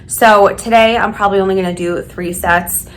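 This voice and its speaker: A woman's voice: mid-range voice, fairly even intonation, normal speed, a little hiss or hum. A woman who works as a flight attendant, chatting candidly through her workout routine in a hotel room. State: out of breath at times. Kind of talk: casual workout vlog.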